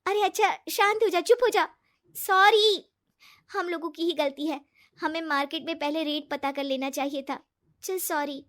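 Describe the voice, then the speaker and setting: A woman's voice: high voice, level tone, normal speed, voice pushed up, close to an everyday voice. A woman voicing a naive, trusting young female office worker who talks eagerly and earnestly. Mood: soothing.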